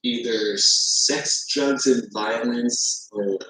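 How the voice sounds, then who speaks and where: A man's voice: mid-range voice, drawn-out words, bright, forceful tone. A man in an old video, hesitantly listing his favorite songs with many fillers. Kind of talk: casual music review. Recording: echoey room.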